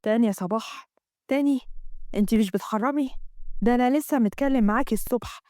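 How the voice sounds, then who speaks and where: A woman voicing a scheming young man who pressures his lover, speaking low and coaxingly. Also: fast, a little mellow, dry recording, studio quality, lightly acted.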